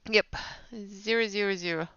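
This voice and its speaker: Sniffly and congested from a sinus infection, a woman hosts a relaxed live coloring stream, talking viewers through every step. She speaks mid-range, steady and moderately paced, a bit bright, clear and resonant. The sound is dull, lo-fi and dry, with no room sound.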